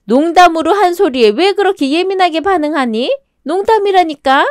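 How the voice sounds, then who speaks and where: A woman's voice: expressive, normal speed, dry recording, clean studio sound. A woman voicing a domineering older mother-in-law who talks down to her daughter-in-law in a scornful, needling way. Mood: scolding. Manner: scornful, needling, high-pitched.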